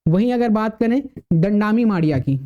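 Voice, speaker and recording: A man's voice: high voice, lively intonation, normal speed, phone-quality sound. A male teacher giving a classroom lecture, asking the class questions and answering them himself.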